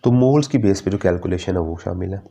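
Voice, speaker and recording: Low, mellow-voiced male chemistry teacher. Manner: fatherly, calls students "beta", mixes English terms; slows to read English syllabus lines. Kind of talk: exam-prep syllabus lecture.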